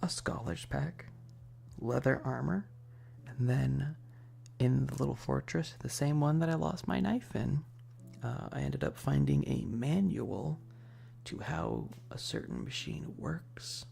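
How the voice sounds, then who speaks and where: In a casual ASMR stream, a man chats in a rambling, hushed manner, frequently sinking toward a whisper. His gravelly voice is mid-range and slow.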